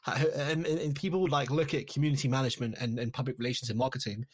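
Man, casual podcast chat, thoughtful, lots of restarts, mid-pitched voice. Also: fairly even intonation, quick pace.

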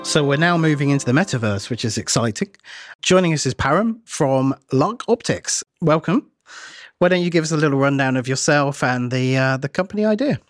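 A man hosts a casual interview, enthusiastic in his questions. His voice sits at a middle pitch and sounds dry and close. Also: lively intonation, fairly quick, no echo, soft background music. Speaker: host.

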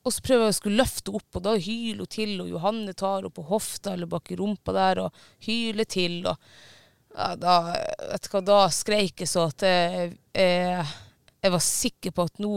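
Speaking with a steady tone, a high-voiced man casually recounts a story, swearing occasionally and stopping on fillers. Smooth and clear, his voice still carries a gravelly fry below. The sound is close and dry, and there's no room sound.

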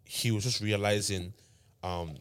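A young man in a casual group chat, telling stories in an animated, slangy way. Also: lowish voice, a little slow, clean tone.

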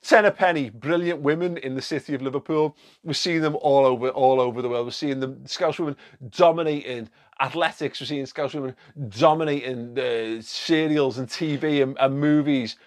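A man's voice: medium pitch, moderate pace. A man hosting an online video, talking in a casual, sarcastic way, with swearing, laughing asides and rambling restarts. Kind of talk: casual spoken commentary.

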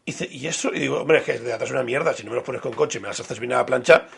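A man with a rough, husky edge to his voice rattles through anecdotes at a quick clip. He is co-hosting a relaxed chat show over a couple of beers, swearing freely and cracking jokes as he goes. His voice sits a touch higher than most men's. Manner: storytelling, swearing and joking. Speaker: podcast co-host.

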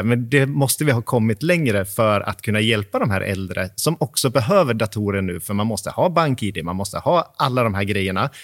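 A man's voice: mid-range voice, no echo. Chatty man laughing on a dry mic. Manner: chatty, laughs often mid-sentence. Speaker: podcast host. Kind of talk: casual chat. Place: at home.

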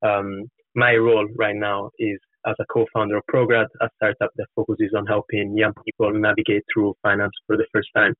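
A startup co-founder in his twenties from Florence, Italy, answers interview questions as a podcast guest, earnest and explanatory, with an Italian accent. His lowish voice is completely flat and fairly quick. The recording sounds roomy, narrow, and muffled, like a call.

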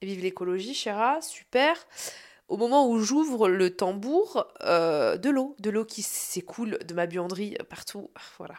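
A woman hosting her own podcast, telling a story about her day in a casual, animated and self-mocking way, swearing freely. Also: medium pitch. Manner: shifts between fast asides and slow, dragged-out emphasis. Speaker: podcast host.

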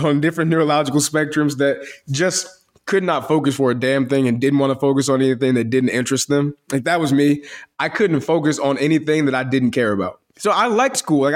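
A man with a voice that carries, telling stories on a podcast in a loose, rambling way, full of slang and restarts. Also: on the high side. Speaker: podcast co-host. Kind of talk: casual podcast chat.

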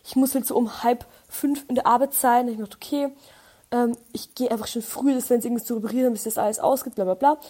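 A young woman with an Austrian accent, telling everyday stories as a podcast host in a chatty, animated way and acting out the dialogue. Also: fairly high pitch, quick pace. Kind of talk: casual storytelling.

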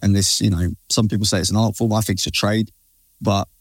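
Fast-talking, matey British man, lowish voice. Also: fairly even intonation, breathy edge, no room sound, studio quality. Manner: informal, matey, opinionated, talks in slangy asides. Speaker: barber and creative director, interview guest. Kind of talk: casual interview chat.

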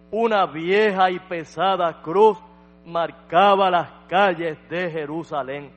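A man acting out an elderly prophet's solemn prayer, drawing words out and rising to a cry. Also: high voice. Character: elderly male preacher praying fervently.

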